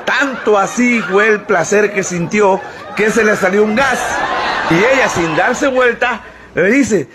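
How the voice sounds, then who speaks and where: A man's voice: sits high, a little slow, over a noisy crowd, heavy background noise. A man telling jokes in a storytelling manner, chuckling at his own punchlines. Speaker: joke teller.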